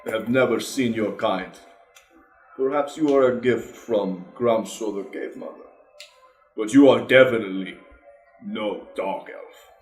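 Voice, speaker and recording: Man as a low, proud, stern half-orc warrior. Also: natural voice. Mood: indignant scorn. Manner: formal, deliberate, emphatic. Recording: roomy echo, music behind.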